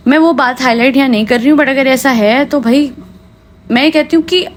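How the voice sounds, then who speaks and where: A woman's voice: high voice, moderate pace, a little hiss or hum. A woman with a Punjabi-tinged Hindi accent hosting a podcast, sarcastic and often laughing, mixing in English. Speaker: podcast host. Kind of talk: mocking commentary podcast.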